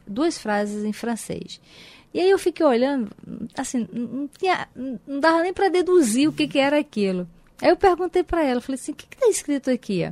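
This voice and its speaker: A woman's voice: medium pitch, a little mellow, dry recording. A woman co-hosting a spiritual talk program who tells stories animatedly and acts out the dialogue. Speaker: co-host. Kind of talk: casual chat on a spiritist program.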